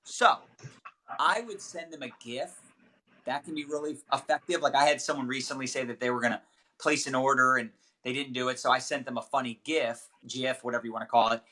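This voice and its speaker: A network marketing trainer appears as a guest on a casual livestream interview, offering chatty, upbeat coaching tips full of fillers. His mid-range voice has a sharp tone and fairly even intonation, and he speaks fairly quickly.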